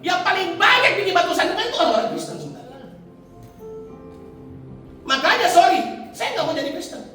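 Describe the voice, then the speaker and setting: A man's voice: very high-pitched, very animated, a little fast, pushed and bright, distant mic. A man preaching a sermon as pastor, telling stories animatedly and acting out the voices in them, with an Indonesian accent, in a large church hall with music behind.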